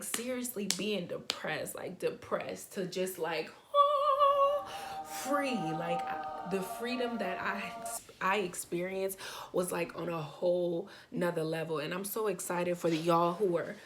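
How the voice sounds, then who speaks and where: Excited rambling woman vlogger. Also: on the low side, slight background noise. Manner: excited, rambling, stutters often. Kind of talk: casual advice talk to camera.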